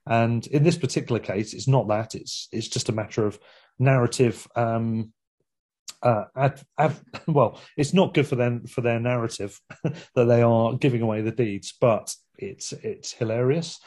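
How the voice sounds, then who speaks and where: Husky, mellow-voiced man chatting about films. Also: mid-range voice, steady tone, moderate pace. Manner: rambling, with frequent fillers and laughs. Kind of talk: casual film discussion.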